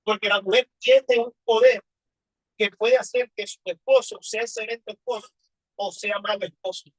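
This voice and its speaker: A man's voice: high voice, normal speed, husky, dry recording, low-quality recording. A man preaching a personal testimony sermon, telling his story with emotion and asking rhetorical questions.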